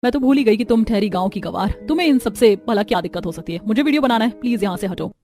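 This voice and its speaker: A woman's voice: mid-range voice, lively intonation, quick pace, mellow, natural voice. A woman voicing a brash, snobbish young city influencer in a cartoon story. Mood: snide. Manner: brash, mocking. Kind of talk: cartoon voice acting.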